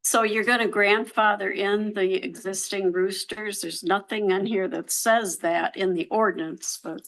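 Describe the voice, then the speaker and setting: A woman speaks slowly at a council meeting's public comment, her voice gravelly with fry. She hesitates often, filling gaps with ums and starting over. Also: mid-range voice, steady tone, a bit bright, poor audio. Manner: hesitant, many ums and restarts. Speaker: resident giving public comment. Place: council chambers.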